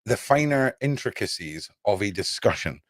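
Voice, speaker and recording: A man hosting a casual live discussion, explaining his points haltingly with repeated words. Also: on the low side, animated, dry recording, studio quality.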